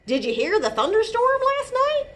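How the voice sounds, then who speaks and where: A woman's voice: very high-pitched, huge pitch swings, normal speed, pitched above the performer's own voice, heavily acted. A woman voicing polite, friendly otters in a children's story, with a courteous manner. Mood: cheerful. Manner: courteous, finishing each other's thoughts.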